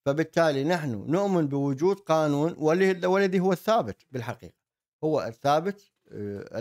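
A man. He delivers an explanatory monologue as a host. His phrasing is halting, with repeated words as he searches for the next thought. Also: mid-range voice, darkish tone. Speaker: host, commentator. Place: indoor desk setup with virtual backdrop. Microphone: desk microphone on an arm.

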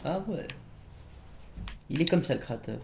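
A man giving casual, excitable gameplay commentary to a friend, given to exclamations. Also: fairly high pitch, normal speed, creaky, slight background noise. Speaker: gamer.

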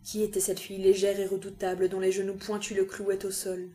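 A woman reading a novel aloud with calm, even narration. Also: medium pitch, fairly quick. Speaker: reader.

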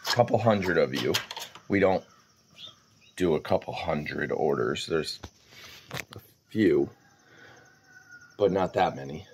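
A farm vlogger in his forties rambles casually to viewers while doing morning chores in a goat barn and the outdoor farmyard, holding the camera at arm's length. His deep, expressive voice moves slowly, with long pauses. A little hiss or hum sits under the audio.

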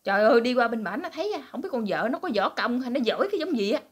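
A woman voicing a curious, excitable husband who gossips about the neighbors. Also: a little high, racing, breathy edge. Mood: worked up. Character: curious nosy husband, middle-aged man.

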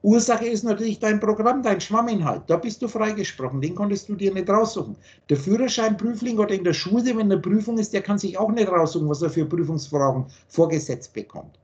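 A man's voice: high voice, animated, fairly quick, few pauses, darkish tone, lo-fi sound. A man with a German accent lecturing over a video call in a blunt, insistent way, driving his points home with everyday examples. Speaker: spiritual teacher.

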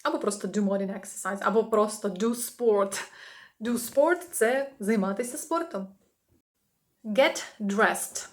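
A young woman from Ukraine, a native Ukrainian speaker, teaching English vocabulary in a lesson, slowing down to model each phrase clearly. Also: a little high. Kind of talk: language lesson.

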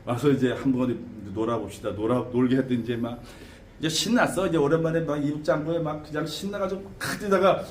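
A man teaching students as a shaman teacher, lecturing in an animated way with frequent tag questions and laughter. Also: fairly high pitch, fast talker. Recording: echoey room with faint background noise.

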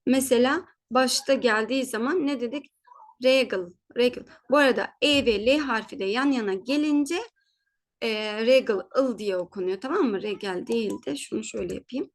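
Woman teacher, slightly high voice, patient and repetitive, corrects herself mid-lesson, close mic. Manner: patient, checks in with "tamam mı" and repeats each word slowly; corrects her own slips on the spot. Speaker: German teacher. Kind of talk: spoken lesson.

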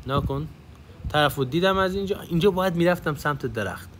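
A man's voice: a little high, slight background noise. A young man giving casual gameplay commentary as a gaming YouTuber, chatty and coaching viewers on tactics.

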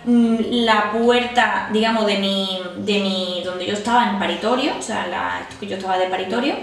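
A woman in her thirties telling a personal story to her viewers in a casual, animated way, laughing as she goes. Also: mid-range voice, moderate pace, creaky, far from the mic, a little hiss or hum. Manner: animated, laughing while recounting. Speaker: vlogger. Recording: echoey room.

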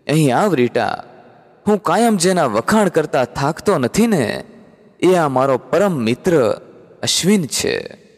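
A man voicing an eager, warm-hearted male friend in an audiobook story, speaking earnestly. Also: on the high side, sing-song, slow pace, full character voice. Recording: long hall reverb.

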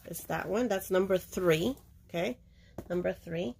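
At an indoor table of books, a woman shows old volumes for auction, flipping pages as she chats and rambles, trailing off mid-sentence. Her voice is lowish, gravelly and unhurried, and the recording is very noisy.

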